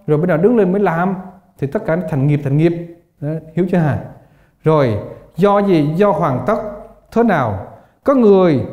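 An older man teaching a Buddhist class, his high but dark, mellow voice carried through a dull, lo-fi recording. The room rings with echo, and he keeps checking on his listeners with quick questions. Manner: asks the class rhetorical questions and laughs while telling stories. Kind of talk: dharma lecture. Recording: echoey, dull lo-fi hall recording.

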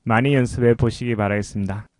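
A man's voice: mid-range voice, fairly even intonation, no echo, clean studio sound. Patient man explaining pronunciation. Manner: patient, explains slowly and repeats phrases. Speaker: English pronunciation teacher. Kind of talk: explanatory lesson narration.

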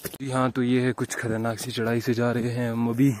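Holding the camera at arm's length, a young man hosts a casual travel vlog on foot along a forested mountain trail, worn out from climbing as he chats and shows viewers around. His medium-pitched, slightly mellow voice moves at a moderate pace with little variation in pitch.

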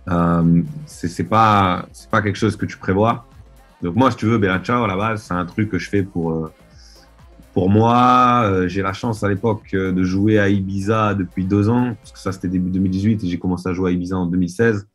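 Deep husky man on a video call. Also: fairly even intonation, brisk, a bit bright, faint music behind. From Marseille, France. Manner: rambling, many hesitations and restarts. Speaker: DJ and producer guest. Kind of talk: casual interview storytelling. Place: dim room at home. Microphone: video call webcam.

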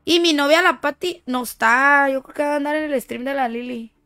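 A woman's voice: high voice, a little fast, bright, forceful tone, faint music behind. A woman with a Mexican accent streaming a shooter game, chatting casually with playful, teasing, boastful banter. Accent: Mexican Spanish. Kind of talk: casual gaming stream chat.

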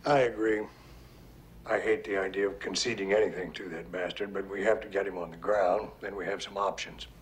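An actor playing a blunt, firm official at a crisis meeting. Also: male voice, low voice, fairly even intonation, fairly quick, slight background noise, natural voice. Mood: grudging resolve. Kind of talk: film drama acting.

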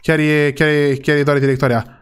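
A man with a fairly high voice plays the dad in a role-play game. He talks excitably and keeps exclaiming "God forgive me". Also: smooth, faint music behind. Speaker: gamer playing a father.

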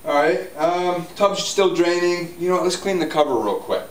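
A man's voice: high voice, moderate pace, slight background noise. A man in his forties, a hot tub store owner, giving a casual, upbeat how-to demo while moving around and gesturing. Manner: chatty, upbeat, walks and gestures while explaining. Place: spa showroom, indoors, large. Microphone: camera on tripod at a distance. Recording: roomy showroom audio, camera mic from a distance.

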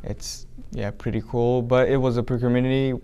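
A young Brazilian man, a documentary subject whose first language is Portuguese, answers interview questions hesitantly with many restarts. His mid-range voice is mellow and smooth, with little pitch movement and a moderate pace, recorded in a small indoor room with a flag backdrop.

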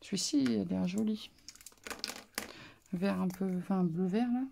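A woman's voice: mid-range voice, unhurried, creaky, warm tone, a little hiss or hum. A woman vlogger casually showing off a craft haul, talking in a hesitant, musing way with many fillers. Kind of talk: casual show-and-tell haul.

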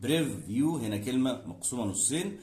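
A male English teacher with an Egyptian Arabic accent, explaining a textbook lesson. He reads English sentences slowly, then translates them, with frequent filler sounds. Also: mid-range voice, expressive, reverberant, slight background noise.

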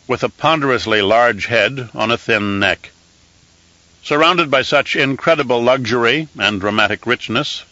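A man narrating an audiobook in a steady, measured storytelling manner. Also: mid-range voice, dry recording, dull audio. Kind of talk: scripted narration.

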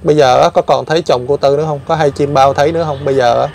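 Gentle male interviewer. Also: fairly high pitch, fairly even intonation, very fast, vocal fry, a little hiss or hum. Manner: gentle, patient, repeats his questions. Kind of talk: casual interview.

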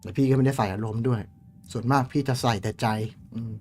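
A young man streaming a game live, chatting with viewers in a crude, swearing, excitable way. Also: mid-range voice, fast talker, soft background music.

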